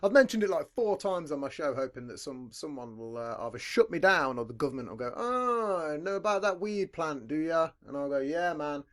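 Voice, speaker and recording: Lively British man hosting a podcast. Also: a little high, brisk, hardly any pauses. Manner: swears freely, rambling and animated. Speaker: podcast host. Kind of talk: casual chat. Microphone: headset.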